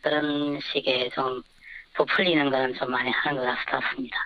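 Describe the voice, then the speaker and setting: An anonymous interviewee answering questions in hesitant, measured sentences, the voice disguised with a deep pitch shift to hide who is speaking. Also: steady tone, dry recording, lo-fi sound.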